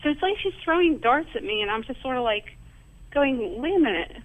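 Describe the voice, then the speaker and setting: A woman caller on a phone-in show, telling her story with lively quoted dialogue. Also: high voice, normal speed. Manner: animated, acts out quoted dialogue. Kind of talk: phone-in question. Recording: phone line.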